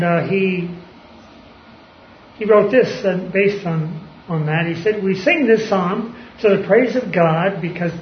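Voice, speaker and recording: High-voiced man teaching scripture. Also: a little hiss or hum. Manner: conversational, with fillers and throat clearing. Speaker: preacher. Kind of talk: informal Bible teaching. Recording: roomy, slightly dull recording.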